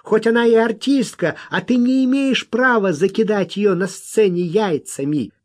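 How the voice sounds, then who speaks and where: A man's voice: sits high, normal speed, a little mellow, pitched above the performer's own voice, lightly acted. A man voicing a stubborn, teasing young prospector who mocks his rival. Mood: mocking. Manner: stubborn, mocking.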